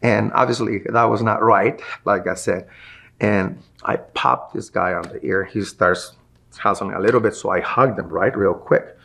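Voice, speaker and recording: A man's voice: on the low side, moderate pace, creaky, bright, forceful tone, breathy edge. A middle-aged man, a martial arts instructor, recounts a personal story in an interview and acts out the people he quotes.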